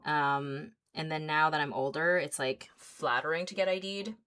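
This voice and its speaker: Low-voiced woman chatting while she paints. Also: a little slow, a bit bright. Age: 30s. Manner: rambling, filler-heavy, giggly. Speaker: artist livestream host. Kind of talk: casual livestream chat while painting.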